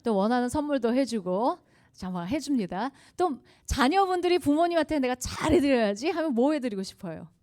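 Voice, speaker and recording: A woman's voice: high voice, lively intonation, a little fast, a little mellow. A woman giving a conversational lecture at a church revival meeting, telling anecdotes, questioning the audience and laughing often. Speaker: guest speaker at a revival meeting. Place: church service before a congregation.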